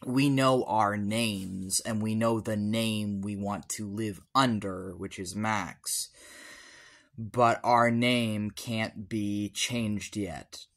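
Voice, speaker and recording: A tipsy man giving a solemn personal monologue in deliberate, formal phrasing. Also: fairly low pitch, fairly even intonation. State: tipsy from alcohol.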